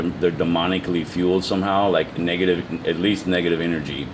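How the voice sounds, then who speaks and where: A man with a very low voice talks informally to his viewers without a script. He moves haltingly, restarting and repeating words as he explains. A faint steady noise sits behind his voice. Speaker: amateur video presenter. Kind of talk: casual unscripted explanation to viewers.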